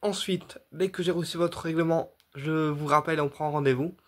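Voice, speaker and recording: A man's voice: fairly high pitch, steady tone, moderate pace, a bit bright. A man, a medium casually explaining his readings straight to his viewers, rambling with many fillers, restarts and repetitions. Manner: addresses viewers directly, checking in with "d'accord". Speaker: medium offering paid readings. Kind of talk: casual direct-to-camera explanation.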